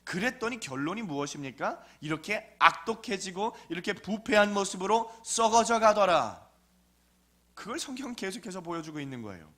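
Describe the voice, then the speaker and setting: A man's voice: sits high, big pitch swings, moderate pace, bright, forceful tone. A man preaching a sermon in a conversational storytelling way, often asking his listeners questions. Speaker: pastor.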